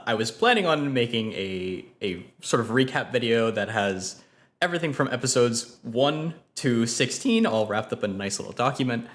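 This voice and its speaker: A man with a fairly low voice hosts a tabletop role-playing stream as game master. His delivery is lively and swoops around in pitch, and he is quick to laugh at himself. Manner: excitable, lively and self-deprecating.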